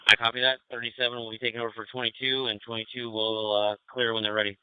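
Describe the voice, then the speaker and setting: A man's voice: medium pitch, flat delivery, quick pace, smooth, dry recording, phone-quality sound. An American man working as fire incident commander, giving courteous, procedural orders in clipped police-radio style over a two-way radio. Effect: radio transmission. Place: fireground.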